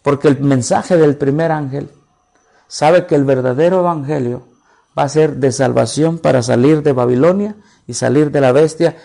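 A man preaching a sermon, retelling conversations with animated storytelling and acting out both sides. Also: medium pitch, gravelly. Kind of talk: sermon with retold dialogue.

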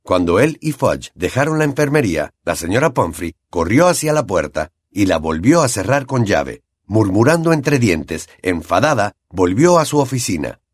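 A man reading a novel aloud with expressive storytelling. His voice is low-set and lively with a slightly husky grain, recorded close and dry. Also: normal speed, few pauses, no room sound. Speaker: audiobook narrator. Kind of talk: scripted narration.

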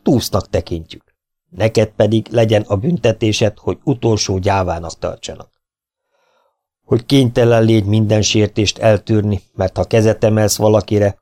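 A man reading the lines of a calm, unshakable lawman in an audiobook, firm and deliberate. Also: on the low side, close to an everyday voice.

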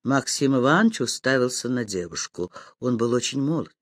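A woman narrating a crime novel in the first person, expressive and animated. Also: very deep voice, brisk, no echo, clean studio sound. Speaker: audiobook narrator.

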